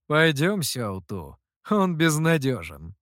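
Guei, a sly, smug master, voiced by a reader. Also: male voice, fairly high pitch, slow, no room sound, clean studio sound, exaggerated voice. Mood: amused. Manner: calm and amused.

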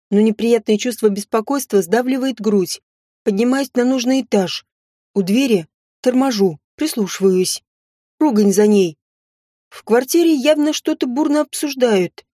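Mellow, fairly high woman narrating dramatically. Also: moderate pace, dry recording, studio quality. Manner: expressive, dramatic delivery. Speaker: audiobook narrator. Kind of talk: first-person audiobook narration with acted dialogue.

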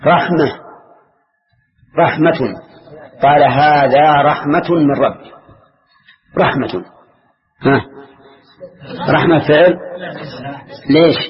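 Patient older sheikh teaching grammar, lo-fi. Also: male voice, a little high. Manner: patient, questioning, repeats key words. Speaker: Islamic scholar teaching grammar. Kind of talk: classroom lesson with questions to students. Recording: dull lo-fi lecture recording.

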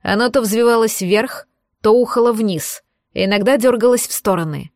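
A woman reading a fantasy novel aloud in measured, lightly dramatic narration. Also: on the high side, darkish tone, dry recording, studio quality. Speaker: audiobook narrator. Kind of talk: scripted narration.

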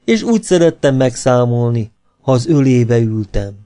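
In this clip a male reader takes on a teasing young storybook actress, drawing out each phrase slowly in a warm, darkish voice. The delivery is very animated and natural, sitting in a mid-range pitch, with faint music playing behind.

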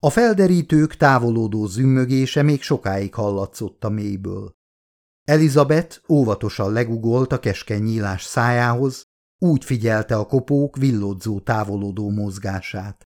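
A man reading his own novel aloud as an audiobook, in a steady, measured way. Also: on the low side. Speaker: author reading own book. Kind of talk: audiobook narration.

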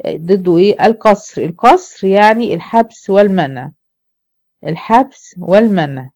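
A woman's voice: mid-range voice, lively intonation, normal speed, mellow, dull audio. An Egyptian woman teaching Quran recitation, explaining step by step and asking the class questions that she answers herself. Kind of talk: classroom lesson.

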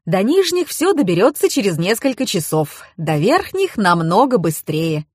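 A woman's voice: mid-range voice, normal speed, slightly rough, no room sound, clean studio sound. Woman reading as a lecturing male expert. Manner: lecturing, wordy, deadpan. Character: pedantic male expert, lecturing know-it-all.

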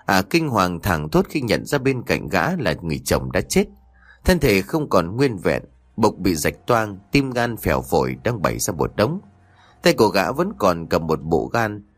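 A man's voice: lowish voice, no echo. Dramatic male horror-story narrator.

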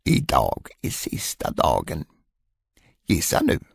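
Brief: male narrator voicing a greedy fairy-tale dwarf, husky and mocking, shrieky taunts. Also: very deep voice, wildly swooping pitch, no room sound, studio quality, pitched below the performer's own voice, heavily acted. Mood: furious. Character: spiteful little male dwarf, gleeful and greedy.

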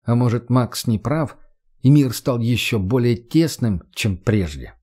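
A man narrating an audiobook in an even, measured storytelling manner. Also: medium pitch, slightly rough. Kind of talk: scripted narration.

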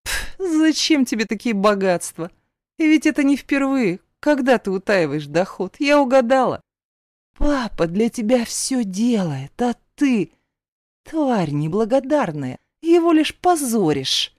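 A woman's voice: sing-song, normal speed, hardly any pauses, no echo, studio quality, natural voice. A woman voicing a spiteful young stepsister who mocks and jeers in a raised, sneering voice. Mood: mocking. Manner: sneering, jeering, shrill screaming.

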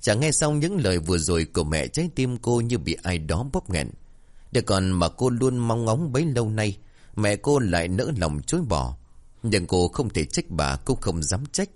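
A man narrating a dramatic ghost story in an expressive storytelling style. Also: on the low side, moderate pace.

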